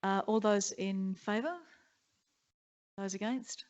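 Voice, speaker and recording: A woman chairing a council meeting, running through motions and votes in a brisk, procedural way. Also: mid-range voice, steady tone, darkish tone. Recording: dull muffled council chamber audio.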